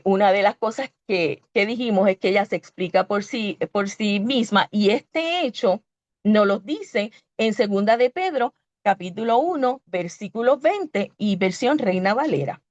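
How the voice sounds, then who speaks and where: A woman's voice: medium pitch, animated, a little slow, no echo. A Puerto Rican woman preaching a sermon, teaching earnestly and stopping to correct herself as she reads scripture. Her voice sits in an ordinary middle register. The sound is dry and a little dull. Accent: Puerto Rican Spanish. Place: church.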